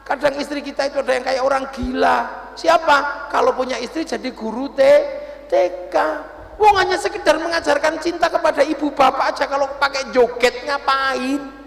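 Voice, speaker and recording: A man preaches an animated storytelling sermon. His voice is very high with a gravelly texture. It echoes through a large hall with a long reverb. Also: moderate pace.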